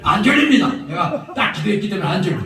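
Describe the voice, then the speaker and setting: With a crowd audible behind him, a man preaches a revival sermon in a high voice marked by big pitch swings and a fast pace. As a pastor he tells humorous stories with chuckles and emphatic repetition, picked up from a distance in an echoey prayer-house hall.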